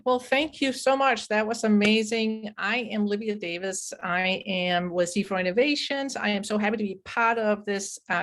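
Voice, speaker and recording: A woman's voice: medium pitch, fairly bright tone. A woman from Denmark with a Danish accent, facilitating a video call and inviting chat responses.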